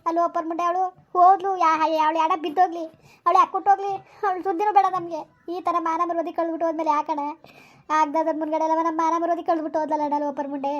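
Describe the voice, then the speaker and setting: A woman playing a shrill, bitter village woman. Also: little pitch movement, dull audio. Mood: angry cursing. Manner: lamenting, cursing, rapid village speech. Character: grieving village woman, bitter about a runaway girl. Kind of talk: village family skit acting.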